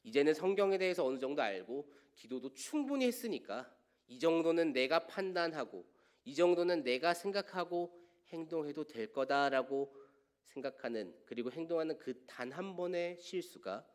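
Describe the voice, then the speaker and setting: A man preaching a sermon as pastor to a young adults' service, asking rhetorical questions and letting his lines fall quiet at the ends. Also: a little high, animated, moderate pace. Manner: earnest preaching with rhetorical questions, swelling and dropping to quiet line endings. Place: church sanctuary.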